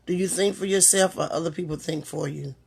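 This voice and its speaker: Her voice is low, gravelly, slightly rough and a little mellow as this woman hosts her own talk. She offers a motivational monologue in a reflective, unhurried manner, pausing as she asks the listener rhetorical question after rhetorical question.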